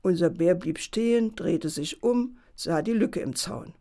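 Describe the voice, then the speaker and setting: A woman calmly reading a children's bedtime story aloud. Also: lowish voice, measured pace, gravelly.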